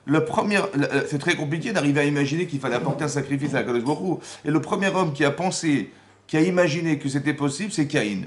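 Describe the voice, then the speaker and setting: A man giving a lively Torah class as rabbi, asking the room rhetorical questions and acting out the dialogue he explains. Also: a little high, fast talker. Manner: animated, acts out quoted dialogue, rhetorical questions. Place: Paris community hall.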